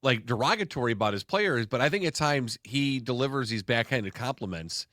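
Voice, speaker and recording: A man's voice: mid-range voice, expressive, fairly quick, fairly bright tone, dry recording, studio quality. Earnest male sports podcast co-host. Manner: earnest, repeats words while thinking aloud. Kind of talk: casual sports talk.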